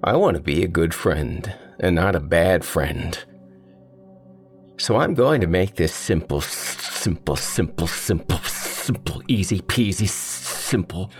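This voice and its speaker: Childlike male killer, gravelly falsetto, singsong and creepy. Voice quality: high-pitched yet gravelly, like an excited kid. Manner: singsong, repeats words. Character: childlike masked male killer, gleeful and menacing.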